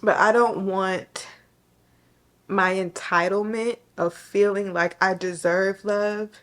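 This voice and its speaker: A young woman giving an emotional faith testimony to camera, tearful and halting, often restarting her sentences. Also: mid-range voice, steady tone. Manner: halting, with restarts and soft pauses.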